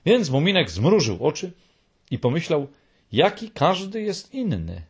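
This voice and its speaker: Husky guy reading a kids story out loud, really lively up-and-down voice. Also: a little high, unhurried. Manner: expressive reading. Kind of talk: storybook narration.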